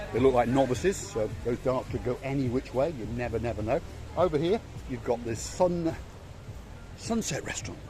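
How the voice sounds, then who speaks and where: An older man giving an enthusiastic walk-around commentary of a hotel, repeating his praise as he goes. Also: medium pitch. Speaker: vlogger touring a hotel. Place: outdoors and indoors in a hotel, walking.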